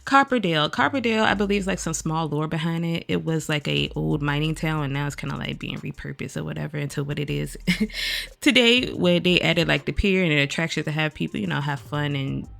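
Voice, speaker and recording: A woman's voice: low voice, fairly quick, creaky, a bit bright. A woman creator giving a casual overview of a new game pack, chatting straight to her viewers with a groggy morning voice. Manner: chatty, addresses viewers directly as "y'all". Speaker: gaming video creator.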